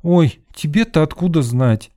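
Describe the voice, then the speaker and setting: A man reading an audiobook, voicing a timid, easily frightened young woman in a soft, anxious, raised voice. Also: fairly even intonation, moderate pace, no room sound, studio quality. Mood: cheerful. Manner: soft, anxious, higher put-on voice. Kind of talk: audiobook character voice.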